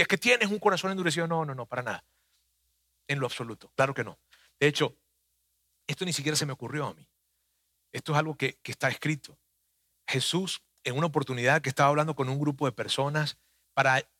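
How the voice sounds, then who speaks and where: A man's voice: a little high, sharp tone, dry recording, studio quality. A man, preaching a conversational sermon that speaks earnestly and personally to the listener.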